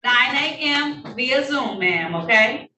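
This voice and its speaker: A woman judge running formal hearings, brisk and polite, heard in a courtroom recording. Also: high voice, expressive, bright, forceful tone. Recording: echoey room heard from a distance, faint noise.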